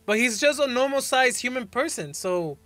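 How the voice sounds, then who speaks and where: A reaction video host in his twenties sits in a small bedroom wearing headphones, reading captions aloud into a close desk mic with slangy, exclamatory asides. His very high voice is expressive, bright and forceful at a moderate pace, with no room sound.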